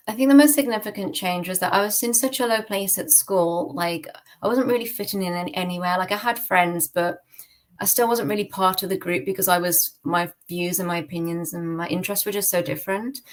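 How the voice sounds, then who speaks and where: A young British woman appears as a podcast guest giving testimony, candidly telling her personal story. She talks informally and reflectively, scattering "like" and "you know" throughout, in a mid-range voice at a moderate pace.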